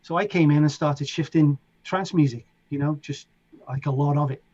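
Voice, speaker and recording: A fairly high-pitched man speaking at normal speed, this middle-aged Liverpudlian DJ and producer shares stories as an interview guest. He gets animated, performing other people's lines in raised voices, and the recording sounds dull and lo-fi.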